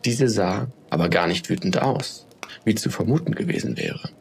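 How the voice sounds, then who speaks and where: A man narrating a children's bedtime story in a calm, steady storytelling manner. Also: lowish voice, moderate pace, vocal fry, a little hiss or hum.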